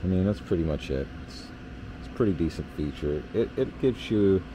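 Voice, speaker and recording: A man, an HVAC technician, giving a relaxed hands-on explanation of system readings in a basement furnace area, with lots of fillers. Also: deep voice, a little fast, noisy background.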